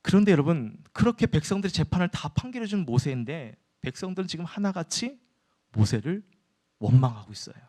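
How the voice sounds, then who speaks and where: A man's voice: a little high, sing-song, brisk, darkish tone. Korean pastor preaching to his congregation. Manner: addresses the congregation often, asks questions and answers them. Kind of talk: sermon. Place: church.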